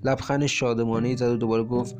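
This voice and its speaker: A male audiobook narrator reads a short story aloud as scripted narration, in a measured, steady storytelling manner at medium pitch. A faint bed of soft guitar music plays underneath.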